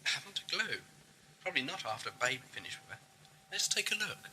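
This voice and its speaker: A forceful, bright-voiced adventurer from a science fiction audio play, acted by a man. He is wry, nosy and moralising, and his pitch moves about theatrically. There is faint hum and hiss on the tape. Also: very animated, fairly quick, heavily acted, low-quality recording. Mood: brisk, puzzled. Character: inquisitive, moralising time-travelling alien adventurer, a man.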